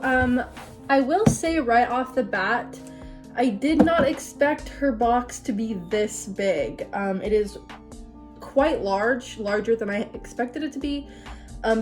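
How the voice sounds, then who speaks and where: A young woman, congested from a recent illness, chatting casually through an unboxing with lots of fillers and asides. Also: medium pitch. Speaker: figure collector and vlogger. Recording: roomy home recording.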